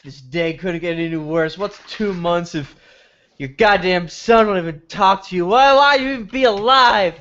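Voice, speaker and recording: Man playing a high-pitched, whiny distraught town drunk. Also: moderate pace, fairly bright tone, muffled recording. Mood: hurt, despairing. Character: distraught washed-up town drunk, hurt father. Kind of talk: improvised role-play at a live tabletop game.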